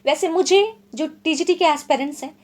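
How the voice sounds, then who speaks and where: A woman from India teaching English literature in an exam-prep lecture, explaining terms plainly and reading definitions slowly and deliberately. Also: high-pitched. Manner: checks in often with short confirming asides.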